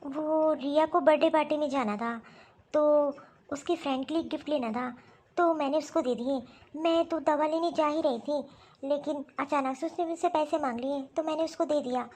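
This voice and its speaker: A woman's voice: high voice, normal speed, a little mellow, lightly acted. A woman playing a stubborn, defensive wife. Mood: defiant. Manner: defiant and argumentative. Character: defensive young wife and mother, lying and stubborn. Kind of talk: animated story voice acting.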